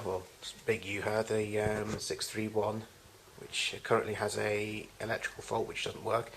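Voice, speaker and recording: In his home garage with a loft, a collector gives an unscripted tour of his machines, speaking in a low register with very little pitch movement. The noisy amateur camcorder audio carries a light layer of noise.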